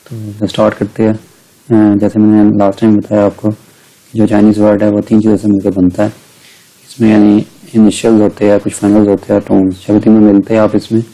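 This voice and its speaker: Middle-aged male teacher, low and very dark voice, patient step-by-step explainer. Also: vocal fry, low-quality recording. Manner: patient, explains step by step and models each sound slowly. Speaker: language teacher. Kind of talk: recorded slide lecture.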